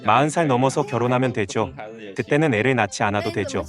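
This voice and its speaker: A man's voice: mid-range voice, fast. A man in his twenties, answering interview questions bluntly. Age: 20s.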